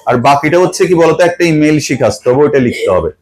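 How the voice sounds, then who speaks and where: A man's voice: fairly high pitch, animated, rapid-fire, darkish tone, poor audio. A man teaching an English grammar lesson to a class. He keeps asking the students questions and mixes Bangla with English.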